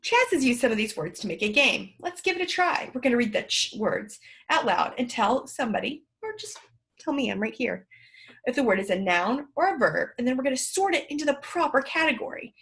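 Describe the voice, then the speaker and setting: Lively, husky-voiced woman teacher. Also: on the high side, brisk. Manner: upbeat, playful, encouraging. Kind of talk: home-learning lesson video.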